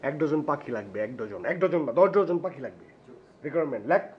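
An actor playing a boastful, bossy young would-be film director in a TV drama. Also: male voice, a little high, animated, lo-fi sound, a little hiss or hum, lightly acted. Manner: boastful, bossy, fast-talking. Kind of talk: TV drama acting.

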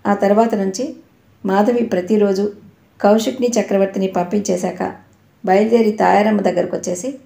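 A woman narrating a novel in a steady, expressive reading style, in an echoey room. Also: mid-range voice, gravelly. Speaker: audiobook narrator.

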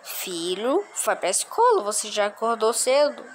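A hurried, nagging mother, as a woman puts her on, urging her son out the door. Her voice sits fairly high. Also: sing-song, slight background noise.

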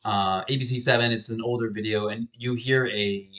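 A man in his thirties, a professor, records a lecture on a webcam from a small home office. His voice sits fairly low with fairly even intonation and a fairly bright tone, moving at normal speed. He talks casually and conversationally, often restarting and repeating words.

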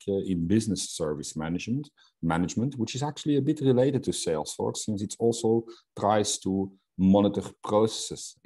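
A middle-aged Belgian man whose first language is Dutch presents an online webinar as a Salesforce instructor, sounding hesitant with many fillers and restarts. His voice is on the low side, warm, with a breathy edge.

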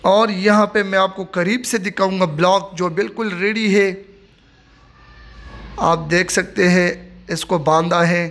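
A man's voice: high-pitched, a bit bright. A man giving a casual walking tour of a stadium construction site, filming on his phone outdoors. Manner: repetitive, plain commentary while filming. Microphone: handheld phone.

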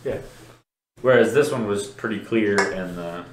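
A young man co-hosting a beer review, chatting in a relaxed, joking way and swearing now and then. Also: on the low side, a little slow, noisy background. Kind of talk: casual chat. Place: room with a table, indoors. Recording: echoey room.

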